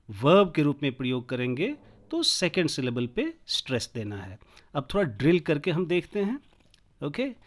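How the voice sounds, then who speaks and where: A male language teacher who speaks in an unhurried, deliberate classroom cadence. His voice sits a touch higher than most men's. He keeps pausing to ask whether the point is clear. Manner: slow, patient, checks understanding often. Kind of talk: classroom explanation in Hindi and English.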